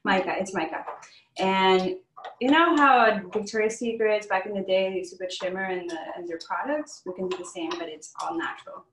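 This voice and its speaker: A chatty woman leads a hands-on class demonstration and laughs easily. Her voice sits back from the microphone in a roomy, echoing space, at an ordinary middle pitch. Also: brisk, fairly bright tone, a little hiss or hum. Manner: chatty, laughs often, upbeat. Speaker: essential oils class host. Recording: roomy, distant from the mic.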